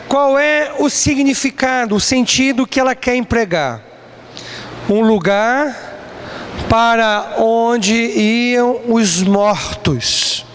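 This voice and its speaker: A man's voice: very high-pitched, fairly bright tone. A man teaching a Bible class as a lecture, who asks his students questions and answers them himself. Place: church classroom. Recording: long reverb, faint background noise.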